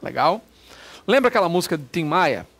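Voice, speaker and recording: A man's voice: fairly high pitch, big pitch swings, a little fast, fairly bright tone. Chatty man teaching grammar. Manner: chatty, asks for agreement often. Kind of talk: informal video lesson.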